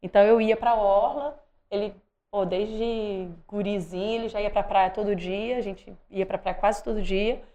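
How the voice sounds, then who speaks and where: A woman's voice: medium pitch, normal speed, muffled recording. A middle-aged Brazilian woman, a guest athlete, telling stories animatedly in a casual interview. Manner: animated, acts out quoted voices.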